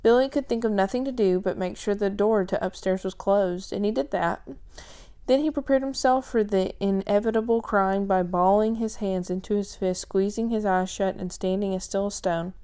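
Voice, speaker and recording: A woman reading a children's chapter book aloud at a calm, steady pace, with a few small slips. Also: mid-range voice, moderate pace, clear, resonant tone. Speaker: storyteller.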